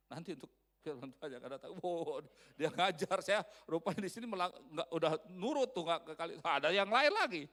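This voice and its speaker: A man preaching a sermon in church, animated, swinging between loud emphasis and quiet asides. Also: a little high, gravelly. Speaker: pastor.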